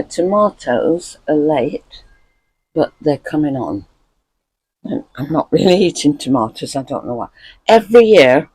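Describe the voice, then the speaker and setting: A man's voice: medium pitch, darkish tone, breathy edge, dry recording, low-quality recording. A man chatting casually as a gardening vlogger, rambling and repeating words for emphasis.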